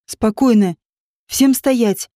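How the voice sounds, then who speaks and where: A woman's voice: a little high, animated, moderate pace, dark tone, dry recording, clean studio sound, lightly acted. A woman voicing a jumpy, blustering man from the militia who barks orders, in an audiobook. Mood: gruff. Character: jumpy, aggressive young male militiaman.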